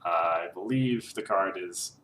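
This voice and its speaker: Male co-host, low register, halting casual delivery, echoey room sound. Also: fairly bright tone, a little hiss or hum. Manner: hesitant, many fillers and restarts. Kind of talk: casual card game podcast chat. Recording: roomy echo.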